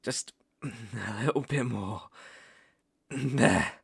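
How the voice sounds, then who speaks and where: Playing a stern young vampire hunter in an ASMR roleplay, a British-accented man sounds menacing yet reluctantly protective, with deliberate pauses and sighs. His medium-pitched voice is creaky and husky, heavily acted, and his mood is softening and tired.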